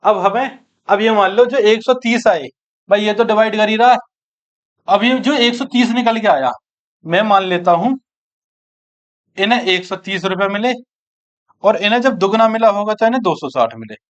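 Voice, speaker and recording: High-voiced man teaching maths, muffled. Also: animated, moderate pace, long pauses. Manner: talks through calculations aloud, asking and answering his own questions; addresses students as friends and brothers. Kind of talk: exam-prep maths lesson.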